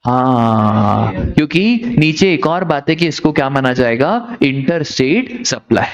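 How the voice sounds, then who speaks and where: A man teaching a class, lively and teasing, telling joking stories and acting out the characters. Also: medium pitch, unhurried, highs cut off.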